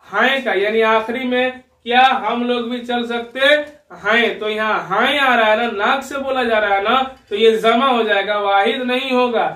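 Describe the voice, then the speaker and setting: High-voiced man teaching slowly, echoey room. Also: pushed and bright, distant mic. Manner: patient, keeps asking "ठीक है ना" and quizzing the learner. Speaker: Urdu teacher. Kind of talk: slow spelling lesson at a whiteboard. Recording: roomy echo, voice a little off-mic.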